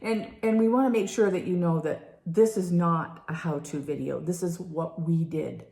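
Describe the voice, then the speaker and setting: An older woman with a fairly low, soft-edged mellow voice hosts a casual vlog review. She talks in a chatty, emphatic way and repeats herself to make a point. The room adds noticeable echo. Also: moderate pace, gravelly. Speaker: vlog host. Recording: roomy, echoey indoor sound.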